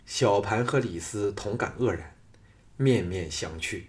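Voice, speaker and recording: A man narrating a martial arts novel as an audiobook in a steady, measured storytelling voice. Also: on the low side.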